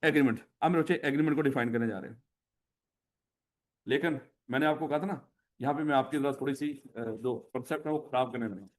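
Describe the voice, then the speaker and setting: A man's voice: medium pitch, fast talker. A man with a Pakistani Urdu accent teaching a class, repeating questions and teasing his students affectionately. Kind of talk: classroom lecture.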